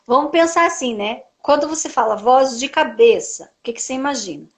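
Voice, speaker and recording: Woman, speech therapist, slightly high voice, didactic live-stream explainer who asks and then answers her own questions. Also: animated, a little fast. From Brazil. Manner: frequent tag "né".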